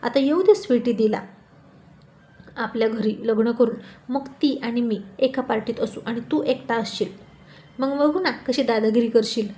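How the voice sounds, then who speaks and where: A woman's voice: fairly high pitch, normal speed, mellow, natural voice. A woman voicing a pampered young adult sister who is whiny and pleading. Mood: pouty.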